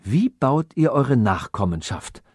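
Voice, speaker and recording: A man's voice: mid-range voice, big pitch swings, takes it slowly, darkish tone, breathy edge, no echo, clean studio sound, exaggerated voice. A man reading an audiobook voices a haughty, suspicious robot princess who asks probing questions.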